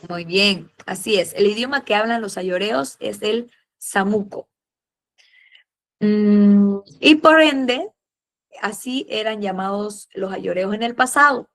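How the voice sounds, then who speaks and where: Woman history teacher, patient and questioning, fond of diminutives, mid-pitched voice. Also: fairly bright tone. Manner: patient, fills pauses with "eh" and "a ver", uses diminutives. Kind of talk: classroom lesson, questioning students.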